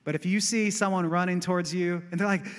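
A male pastor giving an animated, conversational sermon in a church that builds to exclamations. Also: sits high, fast. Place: church sanctuary. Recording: long reverb of a church hall.

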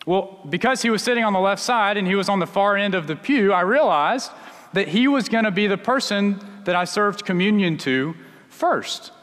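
A man's voice: high-pitched, expressive, normal speed, fairly bright tone, big-room sound. A male pastor preaching a sermon, telling a story in a conversational way with frequent restarts.

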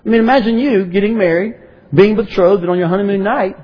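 High-pitched husky male preacher, dull recording. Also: quick pace. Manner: rhetorical questions, prompts listeners to respond. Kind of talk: sermon to a congregation, with call and response.

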